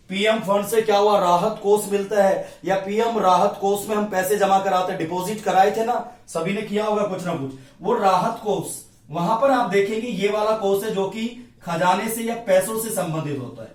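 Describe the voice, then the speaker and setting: A male Hindi grammar teacher giving an exam-prep lecture at a board, drilling each point by asking a question and answering it himself. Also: sits high. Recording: echoey room, voice from a distance.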